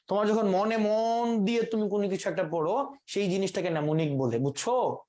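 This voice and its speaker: A man's voice: high voice, normal speed, warm tone. A man teaching English vocabulary in a classroom, quizzing his students and mixing in English words. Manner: asks the class quiz questions, mixes in English words. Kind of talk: live classroom lesson.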